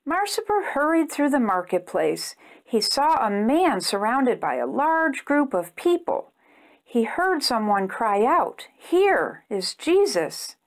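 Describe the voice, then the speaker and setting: A children's storytime host gives an animated read-aloud of a storybook in a high, lively voice at a slow pace. She's expressive and keeps her phrasing simple for young kids.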